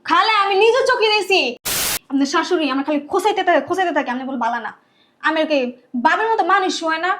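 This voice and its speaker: An actress playing a trouble-stirring maidservant in a family drama, tattling. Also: female voice, very high voice, animated, fast talker, noisy background. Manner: conspiratorial tattling.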